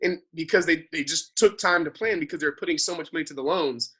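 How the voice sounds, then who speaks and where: A husky, fairly high-pitched man talks fast as he explains financial matters casually in his role as an advisor. He's animated, runs through long explanations, and often adds "right?" as a tag question.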